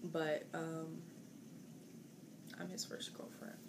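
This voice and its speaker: A woman's voice: deep voice, little pitch movement, slow. A woman in her twenties chatting casually with her partner for her vlog, rambling with lots of fillers. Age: 20s. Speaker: vlogger. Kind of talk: casual chat. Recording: noisy home video.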